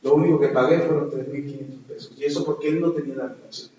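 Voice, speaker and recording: A man's voice: mid-range voice, fairly even intonation, quick pace, mellow. A man, a pastor, telling a testimony in a sermon and acting out the dialogue. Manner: storytelling, acts out dialogue. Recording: very echoey, distant, dull sound.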